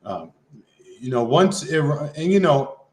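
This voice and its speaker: A man's voice: fairly high pitch, animated, measured pace, roomy sound. A man co-hosting a casual political talk, making wry, sarcastic points. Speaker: podcast co-host.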